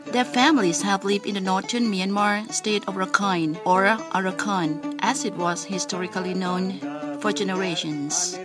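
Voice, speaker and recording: Woman reporter narrating a news feature. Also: medium pitch. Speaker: radio reporter.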